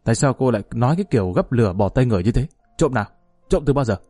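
A man's voice: mid-range voice, animated, very fast, warm tone, husky, no room sound, faint music behind. A man voicing a two-faced male official who acts indignant and innocent in a spoken story. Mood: feigned shock. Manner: indignant, play-acting innocence.

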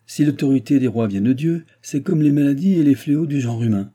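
A man voicing a grumbling old aristocratic baron who blusters and mocks, with loud outbursts, in an audiobook. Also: medium pitch, lively intonation, a little fast, voice pushed up, natural voice. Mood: scornful. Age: older. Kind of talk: audiobook character voice.

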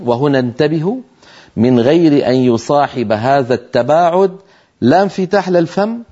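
Middle-aged guy teaching recitation on tv, demos each letter sound, steady voice, bit dull audio. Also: mid-range voice. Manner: demonstrates letter sounds, asks listeners to try along; measured, explanatory delivery. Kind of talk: televised tajweed lesson.

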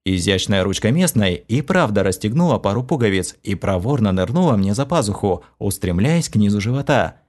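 A man reading a fantasy novel aloud in an animated, exasperated first-person telling. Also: on the low side. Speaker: audiobook narrator. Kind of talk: expressive audiobook narration.

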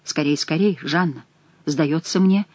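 A woman reading an audiobook and voicing a young noble wife who speaks eagerly and lively. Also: low-pitched, measured pace, no echo. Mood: urgent. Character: Jeanne, young noble wife, anxious and affectionate.

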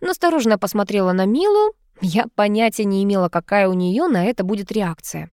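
A woman narrating an audiobook in a lively, dramatic way. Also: mid-range voice, fairly quick, no echo, clean studio sound.

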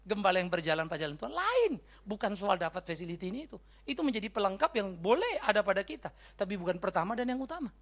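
A man's voice: high-pitched, fast talker, hardly any pauses. A middle-aged male pastor preaching a sermon, telling stories and acting out the voices in them, with English words mixed in. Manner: animated, acts out voices in anecdotes, mixes in English words. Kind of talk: sermon with storytelling.

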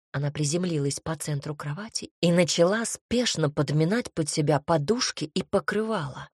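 A woman narrates a fantasy storybook in an even, expressive reading. Her voice is husky and a little low. The recording is dry and close. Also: no room sound. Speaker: audiobook narrator.

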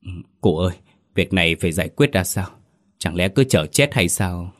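A worried village elder barks urgent orders in a deep, low voice, as a man plays him. His questions sound uneasy. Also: animated, moderate pace. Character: middle-aged village elder, anxious and commanding.

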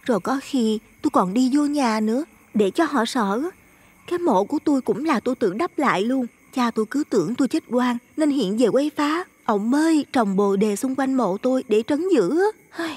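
A man voicing a gentle, playful young village girl in an audio ghost story, speaking softly and chattily. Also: very high voice, lively intonation, normal speed, husky, voice pushed up, heavily acted. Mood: explaining.

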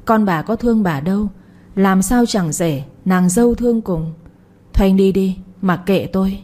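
A woman's voice: medium pitch, normal speed, mellow, natural voice. A woman voicing a bitter scolding old mother. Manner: reproachful, scolding. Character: embittered older mother, possessive and scolding.

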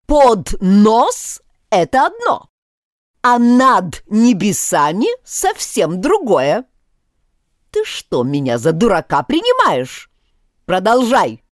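A woman voicing a stern, threatening king who barks orders loudly. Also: medium pitch, wildly swooping pitch, takes it slowly, dry recording, clean studio sound, voice pushed up. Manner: loud, blustering commands.

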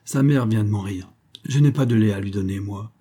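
A man's voice: lowish voice, fairly quick, warm tone, natural voice. A man voicing a grim Indian father who speaks bluntly and coldly in a spoken storybook.

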